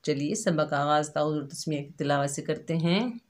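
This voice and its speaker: A woman teaching young children to read Arabic letters, speaking gently and patiently and repeating each letter slowly. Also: deep voice. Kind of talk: slow children's lesson.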